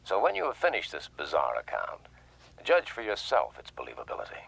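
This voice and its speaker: An actor playing a grim male reporter who narrates the story in scripted film narration, with a gravelly voice. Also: sits low, wildly swooping pitch, fairly quick, fairly bright tone, slight background noise, full character voice, rough recording.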